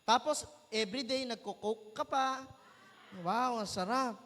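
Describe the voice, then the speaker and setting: Bright high-voiced Filipino pastor preaching. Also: male voice, unhurried. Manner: switches between Tagalog and English, asks the congregation questions; playful, jokes with the crowd. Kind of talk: sermon. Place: large church hall. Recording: long hall reverb.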